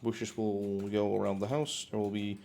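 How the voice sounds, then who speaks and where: Gravelly and dark, this young man's fairly low voice stays level at a normal speed. Building in a game from his concrete apartment's home room, he chats on stream in a rambling way, full of fillers and false starts.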